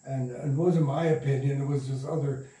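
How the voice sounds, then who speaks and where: Here the older man is heard from a distance in a reverberant space, sharing anecdotes as an interview guest in a relaxed, wandering manner. His voice is mellow and medium in pitch, with fairly even intonation and a slightly fast pace.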